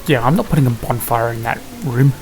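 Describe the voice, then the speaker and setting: A gaming video host talks through gameplay in a brisk, mid-range voice, muttering to himself in an understated, casual way. Video game music plays behind him.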